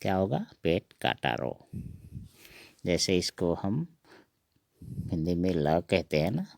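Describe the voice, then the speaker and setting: Male teacher, very deep gravelly voice, dry close sound, patient step-by-step drilling. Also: sing-song, darkish tone, dry recording. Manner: slow, repeats each sound several times. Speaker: language teacher. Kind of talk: recorded alphabet lesson.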